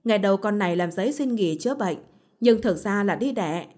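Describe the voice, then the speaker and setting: A woman's voice: medium pitch, expressive, a little fast, darkish tone, close to an everyday voice. A woman voicing an older village woman who gossips insistently at the market, in a storybook reading. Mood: gossipy.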